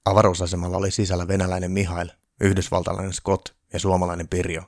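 A man reading a humorous Christmas story aloud in a dry, deadpan way. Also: deep voice, dry recording.

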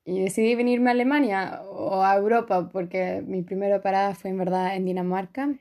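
A young woman with a Chilean accent, a podcast guest in a casual interview. Her voice sits at a medium pitch, and she tells her story in a relaxed way, laughing easily. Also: brisk. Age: young adult.

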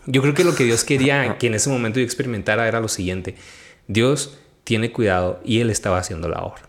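A man, hosting a devotional podcast and telling a personal faith story in a lively conversational way. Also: mid-range voice, fairly quick. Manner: animated storytelling, quotes his own prayers. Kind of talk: conversational testimony.

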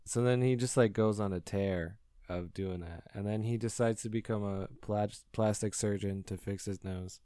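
A man's voice: on the low side, steady tone, moderate pace, few pauses, warm tone, clear, resonant tone, no room sound, studio quality. A young man co-hosting a podcast, chatting casually in a laid-back way with plenty of ums and likes. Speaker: podcast co-host. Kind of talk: casual movie review chat.

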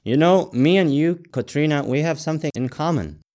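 Lively interviewer from Latvia. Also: mid-range voice, brisk. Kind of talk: interview questions.

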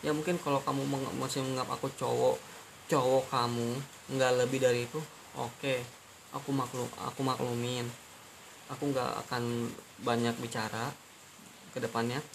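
Male podcast host, sincere stop-start monologue, monotone delivery, hissy recording. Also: mid-range voice, gravelly, low-quality recording. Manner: halting, earnest, repeats phrases and restarts often. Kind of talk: personal monologue addressed to his girlfriend. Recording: steady hiss behind the voice.

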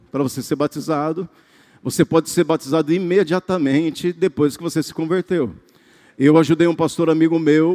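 A man's voice: fairly high pitch, dark tone, big-room sound. A man preaching as pastor, telling his story, repeating words and often asking the congregation for amém. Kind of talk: sermon.

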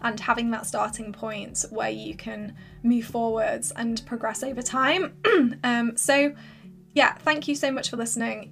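Woman, higher-pitched, creaky and slightly hoarse, casual podcast coach, informal encouraging ramble, faint music. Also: a bit bright. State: losing her voice, slightly hoarse, frequent throat clearing. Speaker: podcast host and creative business coach. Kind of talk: casual solo podcast talk, encouraging advice.

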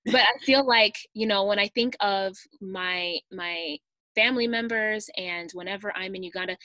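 Bright, emphatic woman host. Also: medium pitch, moderate pace, no room sound. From raised in the United States. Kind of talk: casual conversation.

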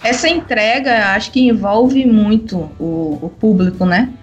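A woman's voice: mid-range voice, expressive, a little slow, muffled recording. A woman co-hosting a podcast, chatting casually and enthusiastically about music over a call. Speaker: podcast co-host. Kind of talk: casual chat.

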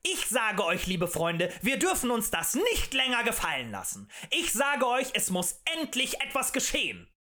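A man voicing a fiery male demagogue who rants and shouts at a tavern crowd in an audiobook. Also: extremely high pitch, wildly swooping pitch, moderate pace, few pauses, pitched above the performer's own voice, heavily acted. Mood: ranting. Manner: ranting, shouting, rhetorical and accusing.

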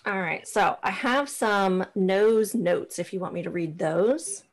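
A woman's voice: mid-range voice, animated, slow. A woman co-hosting a casual podcast, leading a whiskey tasting and talking in a loose, chatty way full of "like" and restarts. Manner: chatty, lots of "like" and restarts while describing flavors. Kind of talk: casual chat.

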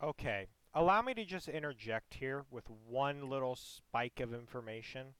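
A man's voice: medium pitch, lively intonation, moderate pace, a bit bright, clean tone. A young man hosting a casual podcast chat and teasing his friends in a playfully dramatic way. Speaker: podcast host and editor.

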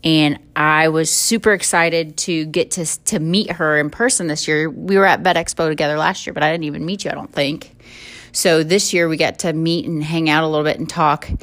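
A woman's voice: low voice, fairly even intonation, a little fast, a bit bright. A woman hosting a podcast, introducing her guest in an upbeat, chatty way. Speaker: podcast host. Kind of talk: podcast interview.

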